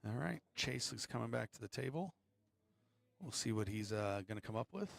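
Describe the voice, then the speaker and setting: A man's voice: medium pitch, expressive, moderate pace, creaky, no room sound. A man hosting a live pool match stream, chatting casually with viewers between shots with joking asides. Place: pool hall.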